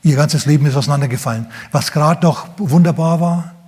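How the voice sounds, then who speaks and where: A man's voice: a little high, a little fast, darkish tone, husky. A man with a German accent preaching a sermon, telling the story vividly and addressing the congregation directly.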